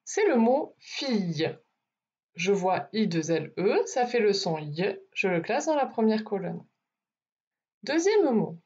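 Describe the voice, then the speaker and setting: A woman teacher giving a phonics lesson to young children, stretching out each sound slowly and clearly. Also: medium pitch, big pitch swings, a little mellow, muffled recording. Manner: slow, deliberate, over-articulated sounds.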